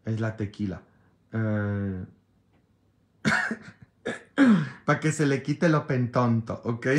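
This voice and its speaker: A man's voice: medium pitch, a bit bright. A man, a priest with a sore throat, chatting casually and jokingly with his followers, sometimes exasperated. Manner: joking, exasperated, mixes jokes with advice.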